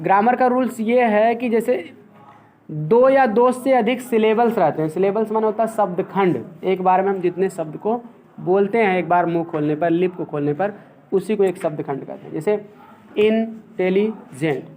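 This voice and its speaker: A man's voice: sits high, slight background noise. A man teaching a grammar lesson, explaining step by step and checking in with his students. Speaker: English teacher.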